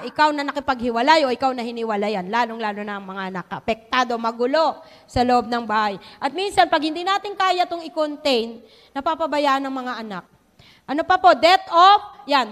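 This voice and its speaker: A woman giving a lively church teaching talk, mixing in English and acting out quotes. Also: high-pitched. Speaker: church speaker. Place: church hall. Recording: long hall reverb.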